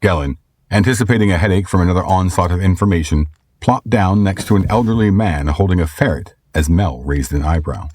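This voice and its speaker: A man reading scripted story narration in a measured, storytelling way. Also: low voice, darkish tone, no echo, studio quality.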